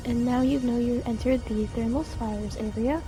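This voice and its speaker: A woman's voice: a little high, fairly even intonation, normal speed, music in the background, poor audio. A woman hosting a video game walkthrough with informal, step-by-step commentary and instructions. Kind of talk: casual gameplay commentary and instructions. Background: game sound.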